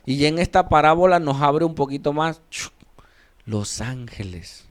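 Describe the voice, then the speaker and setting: A man's voice: fairly high pitch, expressive, a little slow. A man, a pastor, teaching a sermon workshop, reading scripture aloud with emphasis and asking his listeners questions that he then answers himself. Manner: asks the audience questions and answers them himself.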